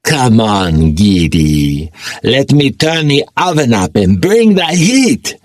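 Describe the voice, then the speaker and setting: A man's voice: mid-range voice, sing-song, slow pace, dry recording, studio quality, pitched above the performer's own voice. A male narrator voicing a flirty, teasing woman who is a huge spectral werecat, speaking lines from an audiobook. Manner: teasing, flirty, mock-scolding. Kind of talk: audiobook character voice.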